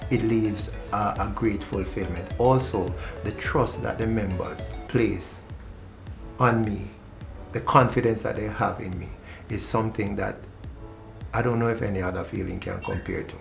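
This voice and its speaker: A man's voice: fairly low pitch, steady tone, moderate pace. A man who works at a credit union, speaking earnestly about members and sometimes stumbling over repeated words. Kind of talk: interview answers. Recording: music clearly behind.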